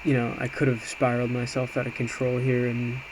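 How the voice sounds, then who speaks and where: Brisk and mid-range, this man's voice carries a casual, hesitant recap of his trades as an amateur day trader. He reflects on himself while walking through a screen. The audio is clear, though steady background noise runs underneath.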